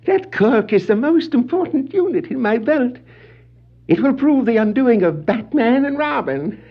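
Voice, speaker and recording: An actor playing a gleeful, vengeful crime clown who gloats theatrically and cackles, in a 1960s superhero audio drama. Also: male voice, very high-pitched, very animated, slow pace, heavily acted. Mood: gleeful, gloating. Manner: frequent wild cackling laughter, theatrical gloating. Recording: vintage dull lo-fi vinyl record, music.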